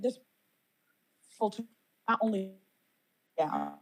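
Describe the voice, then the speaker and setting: A woman's voice: medium pitch, huge pitch swings, very slow. Woman on a choppy, cutting-out call. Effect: choppy call audio cutting out in bits. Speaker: livestream guest. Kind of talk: live online discussion. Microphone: video call.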